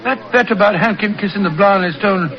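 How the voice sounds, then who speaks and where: Proper, blustering gentleman doctor; high voice, exclamatory, muffled old radio sound. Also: brisk. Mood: indignant, bemused. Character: genteel, easily shocked English doctor sidekick. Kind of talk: 1940s radio acting. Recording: muffled lo-fi radio, noisy crowd behind.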